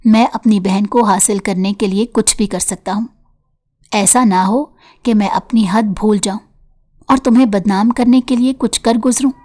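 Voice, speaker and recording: A woman's voice: medium pitch, fairly even intonation, dark tone, lightly acted. A furious young man growls threats in a harsh, desperate voice, as a woman reads him aloud. He is driven and stern in this spoken storybook. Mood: threatening.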